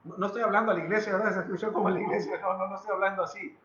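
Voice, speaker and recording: Racing through his sermon in a high, steady, fairly bright voice, a pastor with a Mexican Spanish accent addresses his congregation in a church hall. He preaches emphatically and dramatically, repeating phrases and posing questions to the listeners. The echoey recording has its highs cut off.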